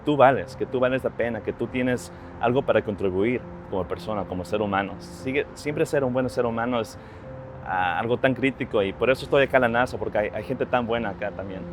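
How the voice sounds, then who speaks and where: Speaking in a personal interview, this Ecuadorian-born man in his thirties, who works as a social media strategist, earnestly discusses his job and family and often starts his phrases over. He talks a little fast at medium pitch, over a noisy background with a clear music bed.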